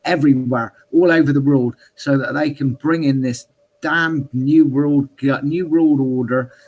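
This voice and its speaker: A man's voice: mid-range voice, steady tone, unhurried, a little mellow. A man speaking emphatically and earnestly in a political discussion.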